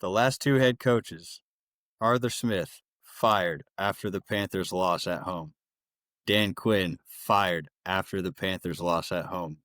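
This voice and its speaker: A man's voice: low-pitched, takes it slowly, fairly bright tone, no room sound. A man co-hosting a casual sports podcast, making dry, wry asides. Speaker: podcast co-host.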